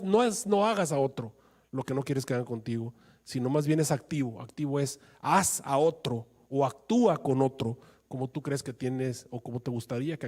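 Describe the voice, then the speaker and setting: A man's voice: a little high, a little mellow. A male pastor preaching a sermon with passion, his voice rising into emphatic pleas.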